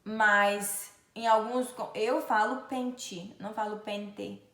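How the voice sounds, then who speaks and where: A woman's voice: on the high side, fairly even intonation, a bit bright, reverberant. A woman from Brazil with a Brazilian accent, teaching letter sounds in a pronunciation lesson and stretching out each example. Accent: Brazilian Portuguese. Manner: slow, drawn-out demonstration of sounds. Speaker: Portuguese teacher.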